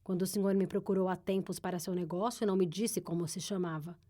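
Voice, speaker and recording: Brash male rider, blustering and loud; read by a woman narrator. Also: fairly low pitch, fairly even intonation, fast talker, natural voice. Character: brash, defensive male rider on a scheming errand.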